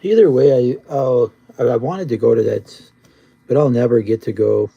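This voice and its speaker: A man's voice: medium pitch, normal speed, vocal fry, slightly rough, muffled recording. A man live streaming casual, rambling chat in a laid-back stoner drawl, often repeating himself. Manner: repetitive, rambling.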